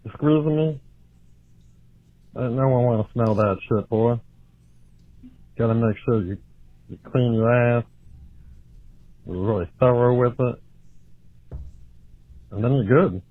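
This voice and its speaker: A man leaving a crude, rambling voicemail through a deep pitch-shifted voice changer. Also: slow, long pauses, no room sound. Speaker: voicemail caller. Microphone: phone. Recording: tinny phone voicemail with faint hiss.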